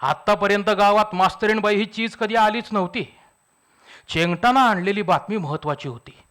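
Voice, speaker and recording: Man telling a comic story, higher voice. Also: normal speed. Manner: lively character voices and chuckles. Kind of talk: humorous story reading at a literary event. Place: public literary event.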